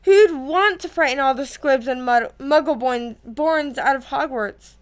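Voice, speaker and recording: A woman reading the lines of a clever, cautious teenage schoolgirl with a skeptical, measured way of talking. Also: sits high.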